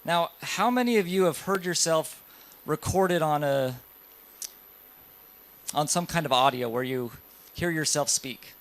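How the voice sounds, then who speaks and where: Man, thirties, dentist lecturer, slightly high voice, storytelling, audience questions, lecture hall. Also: measured pace, pauses often. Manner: lively storytelling, addresses audience directly.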